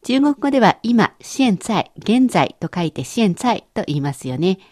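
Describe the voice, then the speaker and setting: A woman teaching a language lesson in a clear, encouraging way, explaining step by step. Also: mid-range voice, sing-song, measured pace, a little mellow, no room sound, studio quality.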